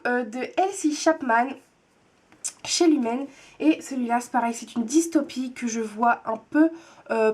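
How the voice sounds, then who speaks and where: A high-pitched young woman chats casually as a book vlogger, showing off her latest finds. She talks in an easy, rambling way, full of fillers and restarts. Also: darkish tone. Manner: chatty, many fillers and restarts. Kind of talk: casual book haul chat.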